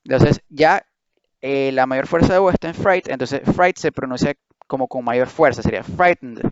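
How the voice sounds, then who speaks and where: Guy teaching english words, slow careful drills, smooth voice, dry dull lo-fi sound. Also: medium pitch, no room sound. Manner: drills words slowly syllable by syllable, switching between English and Spanish. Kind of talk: online pronunciation lesson.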